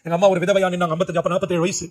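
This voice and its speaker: A man delivers a heartfelt testimony sermon with a high-set voice. He pleads and cries out to the young people listening, full of urgency and emotion. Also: little pitch movement, very fast. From Puducherry, India. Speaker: preacher giving his testimony.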